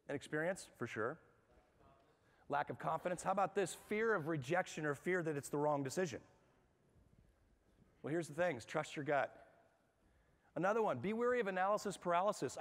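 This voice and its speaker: An energetic man with a somewhat high voice lectures to an audience in a large, reverberant hall. Speaking at a management workshop seminar, he keeps it conversational and asks the crowd questions.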